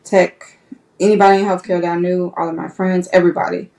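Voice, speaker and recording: Nurse lady telling her story on a podcast, lowish voice, kinda distant from the mic, acts out the convos. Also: little pitch movement, quick pace, vocal fry, a little mellow. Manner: candid storytelling, acting out past conversations. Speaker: podcast guest, registered nurse. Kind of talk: personal story told in an interview.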